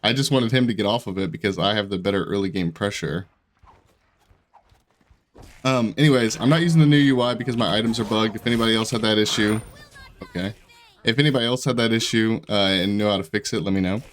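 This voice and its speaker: A young gaming YouTuber with a fairly low voice talks fast while playing, though he sounds stuffy and congested from a sore throat. He rambles, restarts sentences, interrupts himself, and laughs often in this casual commentary, with slight background noise.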